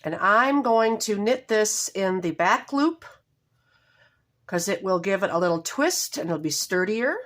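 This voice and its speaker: A woman leads a relaxed, step-by-step knitting lesson at home, sounding homey and apologetic and pausing regularly to correct herself. Her mid-range voice is expressive and a bit bright, though slightly hoarse from a cold.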